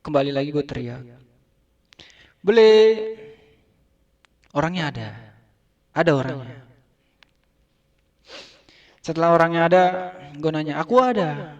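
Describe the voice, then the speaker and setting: A man's voice: on the high side, moderate pace, pauses often, dull audio. A man performing a stand-up comedy monologue, telling an absurd, repetitive story in casual slang. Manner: shouts out acted lines of dialogue.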